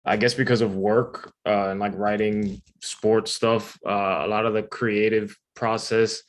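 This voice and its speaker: A man's voice: on the low side, little pitch movement, measured pace. A man reading his own personal essay aloud in a conversational, informal way. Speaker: writer reading own submission.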